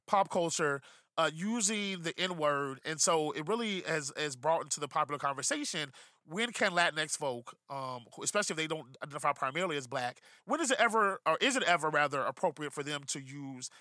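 Fast, bright-voiced male podcast host. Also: fairly high pitch, no echo, studio quality. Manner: animated, rambling with digressions and self-corrections. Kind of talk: casual podcast chat.

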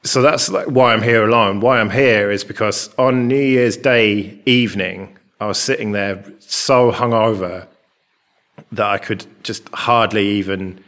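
An English man chatting casually and rambling a bit, recorded with a big hall echo in a large, open flat with a concrete floor. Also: lowish voice, measured pace. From England. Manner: rambling and chatty, with many fillers. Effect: big hall echo from an enormous, bare room. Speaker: podcast co-host. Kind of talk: casual chat.

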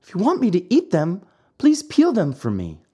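A narrator voicing a whiny, excitable wooden puppet boy in a children's storybook, fussy and full of complaint. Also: mid-range voice, normal speed, breathy edge, pitched above the performer's own voice. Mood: fussy, stubborn. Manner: wailing, breathless childlike complaining. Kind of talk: children's storybook character acting.

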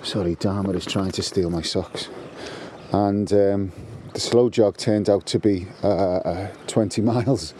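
Low mellow guy chatting outside, faint noise, lots of restarts. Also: steady tone, unhurried. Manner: rambling, with frequent restarts and fillers. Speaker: guest contributor. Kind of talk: casual walk-and-talk monologue. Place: outdoors on a canal towpath. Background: birdsong.

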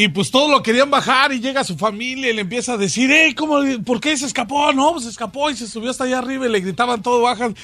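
A man co-hosting a radio comedy show. His voice is very high and bright. He tells a long joke in a rambling way, full of fillers. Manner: rambling storyteller with many fillers.

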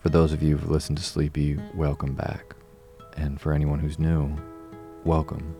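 A man with an extremely low, gravelly voice works as a sleep story narrator. His delivery is soft-toned and dark, gentle and unhurried, made to lull a listener to sleep. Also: monotone. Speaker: sleep podcast host and reader. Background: soft plucked guitar-ukulele music.

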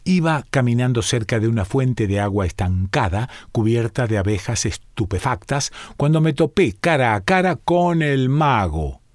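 A man reading a short story aloud in a calm, measured narrating voice. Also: mid-range voice, no echo, studio quality. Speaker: reader.

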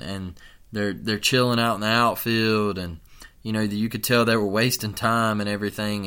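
A man's voice: fairly low pitch, a bit bright. A man hosting a sports talk show, ranting in a heated, profane way and repeating lines for emphasis. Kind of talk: heated sports opinion rant.

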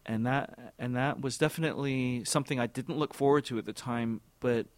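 Here an orchestra's music director in his forties, steady in tone and mid-range in voice, gives halting, thoughtful interview answers. Fillers and repeated words abound, and the recording is dry.

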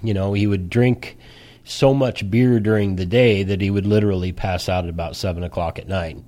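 A man recounting a personal story in a casual, plainspoken way, with soft music behind. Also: low-pitched, fairly even intonation, moderate pace. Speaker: interviewee.

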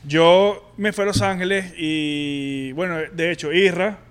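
A man's voice: on the high side, takes it slowly, clear, resonant tone. A man, co-hosting a casual podcast and candidly telling a personal story with many restarts and fillers. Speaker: podcast co-host. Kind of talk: casual chat.

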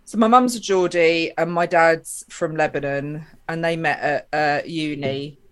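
A woman's voice: deep voice, measured pace, clear, resonant tone. A woman from Essex with an Estuary English accent, talking casually and candidly as a podcast guest, blunt and a bit sweary. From Essex, England. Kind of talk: casual, candid interview chat.

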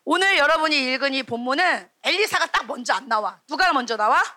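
A young woman preaching a lively sermon to children at a church camp, telling stories and acting out the children's voices. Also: high-pitched, fast talker.

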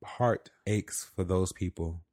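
A man's voice: low-pitched, takes it slowly, a little mellow, no room sound, studio quality. A man co-hosting a podcast, talking in an earnest, reflective way with casual fillers. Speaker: podcast co-host.

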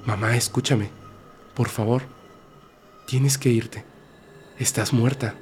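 A man's voice: medium pitch, fairly even intonation, slow, a little mellow, faint music behind, natural voice. A man voicing a firm, pleading young girl. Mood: firm, imploring. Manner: firm, imploring.

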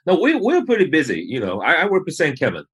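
A man who is a photographer, a guest in a casual interview, speaking in a relaxed, rambling way with many fillers. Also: on the high side, fast, husky.

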